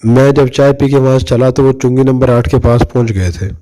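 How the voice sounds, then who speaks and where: A middle-aged male preacher from Pakistan recounts a memory in an easy, conversational sermon style. His voice is mellow and warm, and he speaks at a middle pitch. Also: fairly even intonation. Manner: conversational, anecdotal, addresses listeners directly. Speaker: Islamic preacher. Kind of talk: storytelling religious talk.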